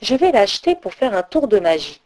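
A woman's voice: medium pitch, very animated, a little fast, darkish tone, a little hiss or hum, lightly acted. Woman doing a bossy male stage magician. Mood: instructing. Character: grumpy middle-aged male stage magician.

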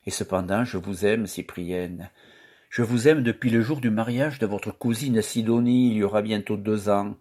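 A man reading aloud, voicing a shy, earnest young charcoal burner who speaks softly. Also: fairly low pitch, fairly even intonation, moderate pace, close to an everyday voice. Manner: soft, earnest.

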